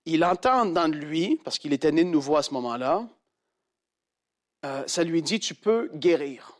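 A man preaching, telling a testimony dramatically and acting out the quoted voices. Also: moderate pace. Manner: animated storyteller who acts out quoted voices in a much higher pitch. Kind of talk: sermon storytelling.

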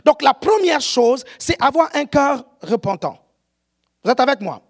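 Woman preacher with an African French accent, high voice that swings widely, animated and often shouting. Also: a little slow. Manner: animated, often shouting, keeps checking the congregation follows. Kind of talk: sermon.

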